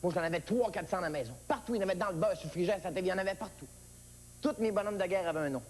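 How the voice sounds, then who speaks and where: A man's voice: rapid-fire, big-room sound. A man with a Québécois accent performing a comic monologue, telling a childhood story and acting out its characters. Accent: Québécois French. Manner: storytelling, acts out characters with high yelps. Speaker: stand-up comedian.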